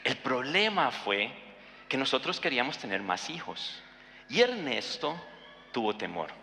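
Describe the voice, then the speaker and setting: A man's voice: medium pitch, big pitch swings, measured pace, vocal fry, bright, forceful tone, reverberant, long reverb tail, slight background noise. A man, preaching conversationally and telling a family story, with fillers and tag questions. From Costa Rica. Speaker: pastor. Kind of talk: sermon with personal story.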